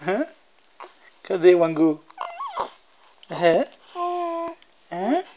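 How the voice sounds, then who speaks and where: A man's voice: sits high, very animated, very slow, dark tone, slight background noise. A man coaxing his baby to talk, repeating words in a sing-song, teasing way at home. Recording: dull lo-fi home video.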